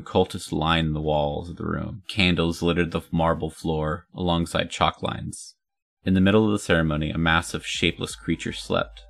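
A man narrates a fantasy adventure in a steady, even storytelling manner. His voice sits very low and has a rough, gravelly edge. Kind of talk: audiobook story reading.

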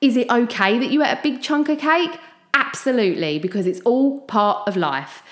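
A woman's voice: on the high side, expressive, normal speed. Echoey Essex woman podcaster. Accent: Essex English. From Essex, England. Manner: informal pep talk addressed straight to listeners. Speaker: podcast host. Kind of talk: chatty solo motivational podcast. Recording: echoey room.

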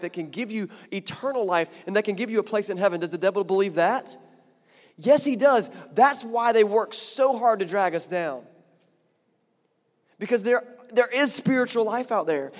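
Speaking in a large hall, this pastor has a high-pitched voice and delivers his sermon conversationally, working up to forceful points and frequently repeating himself.

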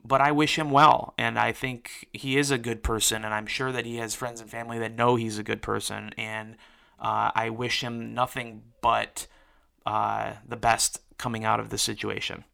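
An earnest male host speaks in a bright, crisp voice with a gravelly edge. He talks in loose, filler-laden sentences, circling back and restarting as he works through his thoughts. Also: medium pitch, level tone, moderate pace. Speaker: podcast host and interviewer. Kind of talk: casual spoken commentary then interview.

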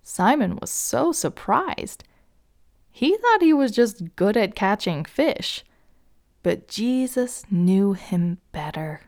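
A woman narrating a children's story gently and asking the young listener questions. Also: medium pitch, very animated, takes it slowly.

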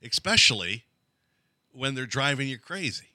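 A man co-hosting a casual podcast who hesitates and often starts his sentences over. His voice is very bright and tense, with lively swings in pitch. The close mic leaves his voice dry. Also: normal speed, no echo. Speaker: co-host.

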